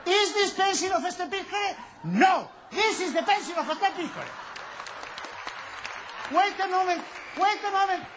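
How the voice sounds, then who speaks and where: Man in a squeaky high, sluggish, tongue-tied comic role, live sketch. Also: noisy background. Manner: stammering, tongue-tied repetitions. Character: flustered man fumbling through broken English lessons.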